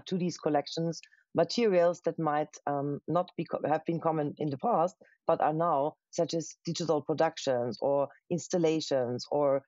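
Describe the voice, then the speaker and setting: A woman's voice: sits low, a little mellow, no echo. Austrian woman guest, thoughtful curator, muffled dry webcam sound. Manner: thoughtful, pauses with fillers. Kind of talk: casual interview answers. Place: living room at home. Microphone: webcam on a video call.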